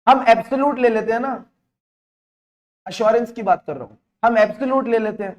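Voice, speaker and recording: A young man teaching a live online exam revision class, energetic and repeating each line while mixing English terms into his Hindi. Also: very high-pitched, brisk, lo-fi sound.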